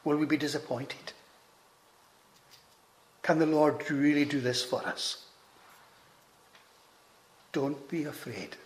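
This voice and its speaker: A man preaching a sermon, slow and measured, with emphatic rises and hushed drops on key phrases. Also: a little high, steady tone.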